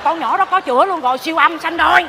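A woman's voice: extremely high pitch, fast, crowd noise, noisy background. An actress playing a gossipy woman who sweeps leaves at a temple, in a live stage comedy. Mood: gossiping. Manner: excitable gossip, exclaiming. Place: large theater stage. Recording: stage hall with audience.

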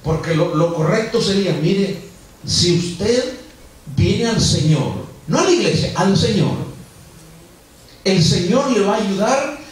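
Male pastor, repetitive preaching style, high voice, distant mic in a reverberant church. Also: animated, takes it slowly, slight background noise. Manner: preachy, repetitive, addresses the congregation directly. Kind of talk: sermon. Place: church sanctuary. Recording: echoey church recorded from a distance.

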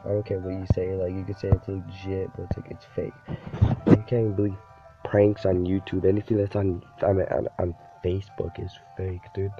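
A young gaming YouTuber with a cold rambles casually over gameplay, saying "dude" a lot. Being sick makes his voice deeper than usual, so it sits low with a level tone at a fairly quick pace. The recording is dull and lo-fi, with game music in the background.

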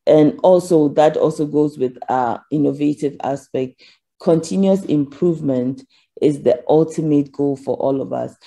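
Gravelly, dark-voiced woman giving a keynote. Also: sits low. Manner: earnest, asks for next slide, frequent ums. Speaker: keynote speaker. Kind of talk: conference keynote talk.

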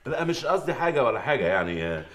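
A man's voice: mid-range voice, very animated, very fast, fairly bright tone, slight background noise. An Egyptian man playing a harried middle-aged husband who runs a shop, talking in a jokey, flustered way. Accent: Egyptian Arabic. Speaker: shop owner in a sitcom. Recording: sitcom audio with studio audience laughter. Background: audience laughter.

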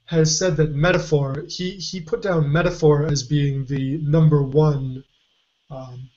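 A man co-hosting a casual puzzle podcast, halting with many fillers and restarts, his voice going a little hoarse. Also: fairly high pitch, steady tone, darkish tone. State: losing his voice. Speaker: podcast co-host. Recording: dull lo-fi podcast audio.

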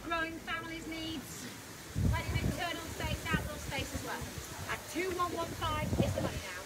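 A woman's voice: very high-pitched, normal speed. A woman in her thirties calling a live house auction outdoors with upbeat, persuasive patter, often repeating the current bid. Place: outdoors on a suburban street in front of a house. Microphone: far camera. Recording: loud street noise, distant camera audio.

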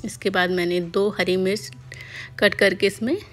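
Calm woman explaining a recipe. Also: medium pitch, normal speed. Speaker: cooking channel host. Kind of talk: voice-over cooking tutorial.

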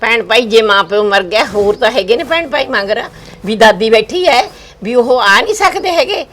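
A woman's voice: a little high, animated, normal speed, fairly bright tone. An older woman with an Indian Punjabi accent plays a worried grandmother in a village family drama, talking in an anxious, pleading way. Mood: fretful. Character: worried old grandmother, fretting over her granddaughter. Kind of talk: village web drama acting.

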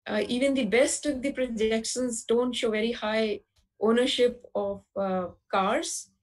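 A woman presents her slides in a webinar, her voice sitting a little high. She explains point by point at a steady, careful pace, often pausing on fillers. It sounds like a video-call recording. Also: low-quality recording. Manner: measured explanatory delivery with frequent uh fillers.

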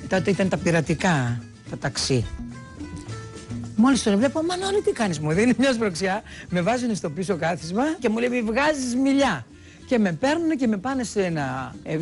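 Sex: woman. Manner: lively storyteller with a very animated pitch. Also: faint music behind. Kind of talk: anecdotal documentary interview.

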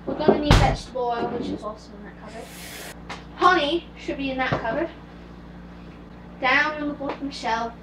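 A woman's voice: sits high, moderate pace, pauses often, reverberant, noisy background, lightly acted. A woman playing a bossy, prim young Englishman in an amateur cosplay comedy skit, giving orders in a dry way, filmed by a far camera in a home kitchen.

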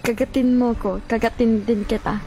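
A woman's voice: on the high side, level tone, moderate pace, warm tone. A woman bantering playfully in a game roleplay, teasing and laughing easily. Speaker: roleplay player. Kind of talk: casual game roleplay chat. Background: game music.

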